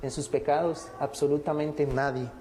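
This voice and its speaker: A male preacher delivers a sermon with a somewhat high yet warm, mellow voice. He speaks deliberately, poses rhetorical questions and slows down when reading scripture. His voice rings with the long reverb of a church hall. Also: steady tone, a little hiss or hum.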